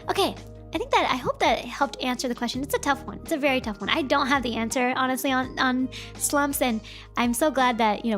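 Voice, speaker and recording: A woman VTuber with a high, somewhat bright voice chats casually on her stream, her voice slightly broken. She rambles, talks freely and answers chat as faint music plays behind her.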